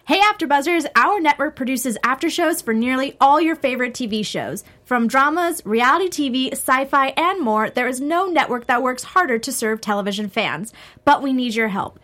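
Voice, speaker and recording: A woman's voice: sits high, animated, normal speed, a bit bright. A bubbly woman panelist on a TV aftershow who laughs easily and reads a channel announcement. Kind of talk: casual chat, read announcement.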